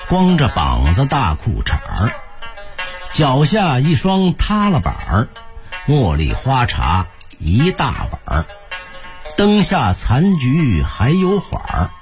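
A man's voice: mid-range voice, huge pitch swings, slow pace, soft background music. A man with a Beijing accent hosting radio, reciting and commenting with relish, addressing listeners directly. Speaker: radio host.

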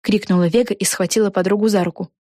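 A woman narrating a children's book in an even storytelling manner. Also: mid-range voice, fast talker, dry recording, studio quality. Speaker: audiobook narrator.

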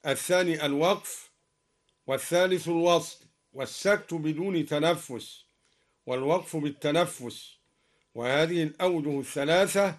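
High-voiced man explaining recitation rules. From Egypt. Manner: measured scholarly explanation. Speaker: Quran recitation teacher.

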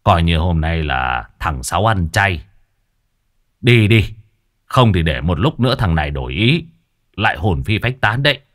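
Played by a man, a cocky young exorcist barks orders with a swaggering, blunt delivery. His low voice swings widely up and down as he bosses people around in a spoken ghost story. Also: animated, normal speed, pauses often, fairly bright tone. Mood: weary.

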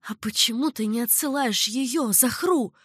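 A woman's voice: on the high side, a little slow, fairly bright tone, husky, no echo, studio quality, voice pushed up. Woman doing a tearful pleading young concubine. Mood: indignant. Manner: pleading, emotional.

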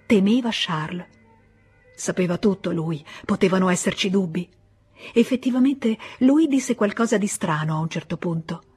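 A woman with an Italian accent reading a novel aloud as an audiobook, in a measured and dramatic way. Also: mid-range voice, darkish tone, slightly rough. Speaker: audiobook reader. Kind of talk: literary audiobook narration.

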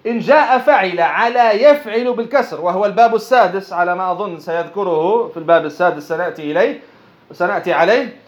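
A man's voice: high voice, fast talker. A male religious teacher explaining a grammar text line by line, posing rhetorical questions and repeating phrases as he goes. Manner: poses rhetorical questions then answers them. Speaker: Islamic studies teacher. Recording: dull lo-fi recording.

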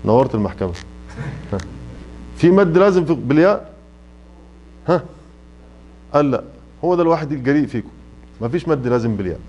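A man's voice: mid-range voice, lively intonation, fast talker, long pauses, mellow, muffled recording. A man with an Egyptian Arabic accent teaching a tajweed lesson in a mosque, stretching out his examples and quizzing students. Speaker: Quran recitation teacher. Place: mosque classroom.

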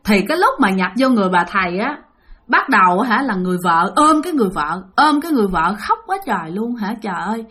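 A woman's voice: mid-range voice, very animated, fast talker, pushed and bright, breathy edge. A woman telling a ghost story in a rambling, filler-heavy way, speaking directly to her listeners. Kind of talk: spoken ghost story narration.

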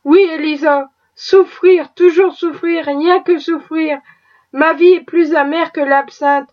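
A bitter, impassioned young husband pours out his grievances, read by a woman who barely changes her voice. The tone is high, and the recording is muffled and lo-fi. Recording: dull lo-fi recording.

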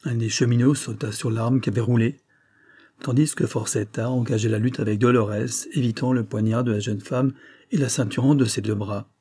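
A man reading a classic adventure novel aloud in steady, measured narration. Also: mid-range voice, breathy edge. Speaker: audiobook narrator. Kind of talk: scripted narration.

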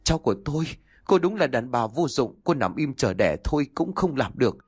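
A man's voice: medium pitch, big pitch swings, fairly quick, no room sound, clean studio sound. A man voicing a cruel, domineering older mother-in-law in an audio story, with a harsh, scolding delivery. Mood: raging.

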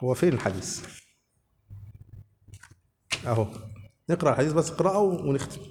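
A man's voice: fairly high pitch, expressive, a little fast, a little mellow, a little hiss or hum. A man with an Egyptian accent giving a hadith lesson, explaining patiently and often checking that his listeners follow. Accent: Egyptian Arabic. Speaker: religious teacher. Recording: reverberant hall sound.

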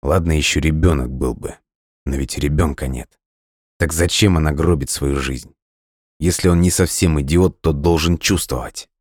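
A male audiobook narrator voicing a calm young man who talks in a measured, direct way. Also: a bass voice, dry recording, clean studio sound. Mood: brooding.

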